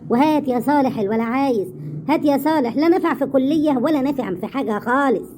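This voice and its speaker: A woman with an Egyptian accent voicing a sharp-tongued older mother-in-law who scolds and mocks. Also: sits high, slight background noise, natural voice. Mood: scolding. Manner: scolding, mocking, rapid.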